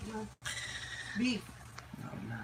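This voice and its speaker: A deep-voiced man speaks slowly and casually to the camera in a personal vlog, rambling along and repeating phrases, with constant "you know"s.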